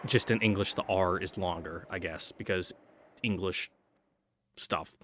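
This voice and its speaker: A man's voice: sits low, unhurried, a bit bright, a little hiss or hum. A man reading a visual novel aloud, breaking off for casual, self-mocking asides and puzzling over pronunciations. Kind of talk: read-through with joking asides.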